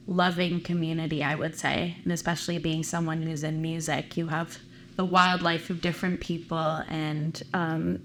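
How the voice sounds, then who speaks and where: A woman musician talks in an eager, conversational way in a documentary interview. Her voice sits a little low, and faint room ambience is heard behind her. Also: slight background noise.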